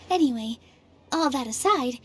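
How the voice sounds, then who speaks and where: A woman voicing Nilou, a gentle and modest young female theater dancer in a video game, soft-spoken and polite. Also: high voice, heavy background noise.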